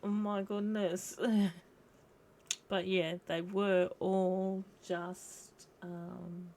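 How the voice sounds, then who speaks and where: A woman hosting a casual livestream, rambling reflectively in short phrases with frequent pauses. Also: fairly low pitch, little pitch movement, a little mellow, a little hiss or hum. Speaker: host of a live video commenting on folklore.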